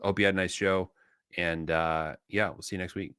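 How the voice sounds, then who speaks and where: A man with a lowish voice co-hosts a casual knife talk show. He rambles easily, full of ums and uhs. The sound is dry and close, with no room echo. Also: flat delivery, normal speed, a bit bright, clean tone. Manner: rambling, easygoing, many fillers. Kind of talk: casual chat.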